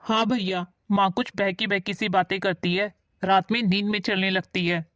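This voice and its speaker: A woman's voice: mid-range voice, little pitch movement, moderate pace, a bit bright, no echo, lightly acted. A woman voicing a calculating younger son. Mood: placating. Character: selfish younger son, worried husband.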